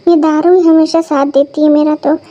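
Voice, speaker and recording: A rambling, self-pitying young man who jokes his way through his complaints, voiced by a woman. The pitch sits very high and soft. It is heard on a dull, lo-fi recording. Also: level tone, moderate pace, natural voice. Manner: whining, rambling.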